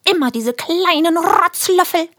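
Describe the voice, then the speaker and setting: A woman's voice: high voice, very animated, measured pace, pitched above the performer's own voice. A woman voicing a little girl who pretends to be a strict, scolding schoolteacher. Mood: bossy. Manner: scolding, bossy. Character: little girl playing a strict old-fashioned teacher.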